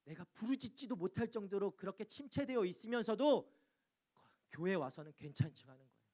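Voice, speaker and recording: Male pastor, fairly high voice, emphatic sermon delivery with rhetorical questions and cried-out prayers. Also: expressive, fairly quick, a little mellow. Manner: emphatic, questioning the congregation, acting out anguished cries. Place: church.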